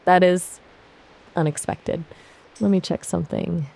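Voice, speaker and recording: A synthetic woman's voice chats as an AI gaming companion. She is upbeat and polite, with a slightly low pitch. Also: fairly even intonation, a little slow, creaky, dark tone. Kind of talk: casual chat.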